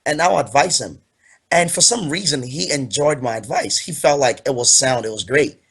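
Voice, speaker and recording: A man's voice: medium pitch, moderate pace, fairly bright tone, husky. A young man in his twenties, originally from Ghana, talking as an author guest in a casual interview, earnest and rambling with fillers.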